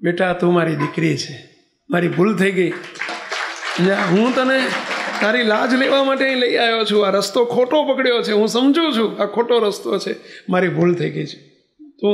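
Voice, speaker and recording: A man's voice: sits high, moderate pace, creaky, reverberant. A man playing a remorseful middle-aged male rickshaw driver who pleads and stammers out apologies.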